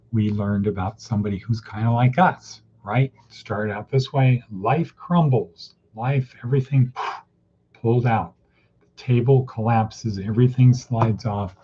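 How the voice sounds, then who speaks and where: A man teaching an informal daily class, who often repeats words and asks rhetorical questions. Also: lowish voice. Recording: dull lo-fi with faint noise.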